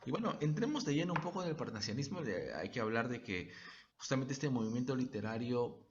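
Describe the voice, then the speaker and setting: A man co-hosting a casual literary discussion, speaking in a measured way and checking his notes. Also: medium pitch, sing-song. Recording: dull lo-fi sound with faint noise.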